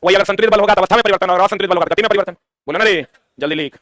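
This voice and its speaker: Rapid-fire male tutor drilling questions. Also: high voice, a bit bright, dry recording. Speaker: teacher. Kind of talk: exam-prep science lesson.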